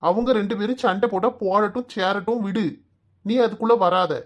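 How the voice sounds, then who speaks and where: A woman's voice: mid-range voice, steady tone, brisk, dull audio, lightly acted. A woman voicing an exasperated young husband caught between his family in a comic cartoon, with a Kanyakumari Tamil accent, arguing and pleading.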